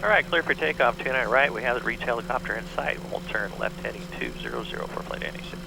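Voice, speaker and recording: A man working as co-pilot, making brisk clipped callouts and radio calls over a cockpit headset intercom in a small jet. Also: medium pitch, wildly swooping pitch, creaky. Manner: brisk clipped aviation phrasing. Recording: engine noise in cockpit.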